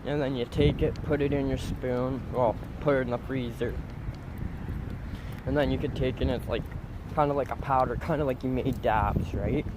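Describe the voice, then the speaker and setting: A man with a medium-pitched voice talks off the cuff to his stream, blunt and full of swearing. He wanders from thought to thought in a casual way. Heavy outdoor or engine noise runs behind his voice. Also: steady tone, normal speed. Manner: blunt, profane, meandering. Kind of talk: casual rambling livestream chat.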